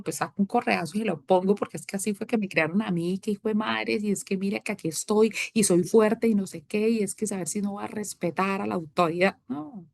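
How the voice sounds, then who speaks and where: A woman in her thirties speaks as a podcast guest, her voice sitting a little low. She tells personal stories with animated energy and slips into the voices of the people she quotes. The sound is close and dry. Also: no echo. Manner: animated storytelling, acting out quoted exchanges. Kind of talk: personal testimony in casual conversation.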